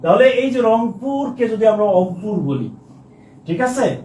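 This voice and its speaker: A man's voice: extremely high pitch, very animated, a little slow, warm tone. A man teaching a Bangla class online, drilling words with lots of repetition and slipping into recited romantic verse. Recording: roomy distant mic with faint noise.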